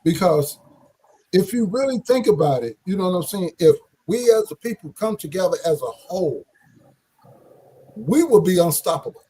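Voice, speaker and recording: A man's voice: high-pitched, expressive, normal speed, mellow, slightly rough, rough recording. A man talking casually in a group discussion, often checking that his listeners follow him. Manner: conversational, often checks for agreement with tag questions.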